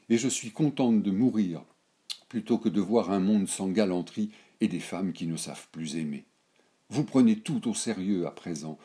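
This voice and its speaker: A proud old noblewoman in a storybook, lecturing with scorn and worldly certainty, as a man reads her in his own low, dark voice. Her speech is declamatory and slow-built. The tone stays mellow and deep. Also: natural voice. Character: indignant aristocratic old grandmother, worldly and scornful.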